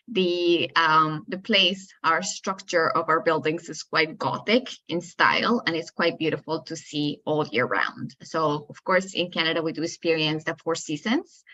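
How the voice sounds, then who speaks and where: A woman's voice: lowish voice, bright, forceful tone, highs cut off. A woman from Colombia giving a friendly, explanatory university presentation over a video call. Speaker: university admissions representative. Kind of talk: presentation to prospective students.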